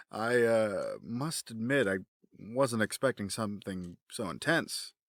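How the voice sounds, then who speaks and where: With a fairly low pitch, a man voices a smooth, scheming middle-aged gentleman in an audio drama, wearing a fatherly front and speaking in measured, formal phrases. The recording is studio quality, with no room sound.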